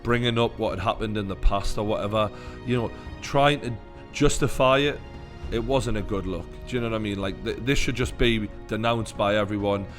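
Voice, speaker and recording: A man's voice: fairly low pitch, normal speed, faint music behind. A man with a Newcastle Geordie accent giving opinionated reaction commentary in a blunt, sweary way. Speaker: YouTube fight commentator.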